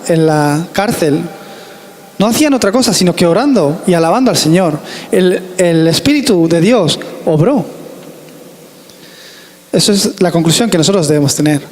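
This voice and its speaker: A man with a Spanish accent from Spain delivers a sermon in a high, earnest voice, driving his points home by repeating them. His words carry a long reverb, as if heard in a church hall. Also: a little mellow. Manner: earnest, emphatic preaching with repeated phrases. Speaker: preacher.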